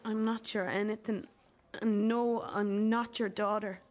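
A woman acting as a wounded, bitter adult daughter in a drama, accusing her mother in a halting, deliberate way. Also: mid-range voice, steady tone, lightly acted. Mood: cold, defiant. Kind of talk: dramatic two-hander dialogue.

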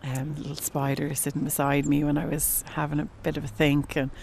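A woman's voice: low voice, monotone, a little fast, gravelly, darkish tone. A woman talking casually and reflectively outdoors. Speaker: group walk participant. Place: outdoors in a forest. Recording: faint outdoor ambient noise.

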